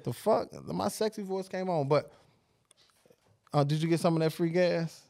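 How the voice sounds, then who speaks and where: A man's voice: on the high side, normal speed, vocal fry, darkish tone. Laid-back joking podcast host man. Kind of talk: casual podcast chat.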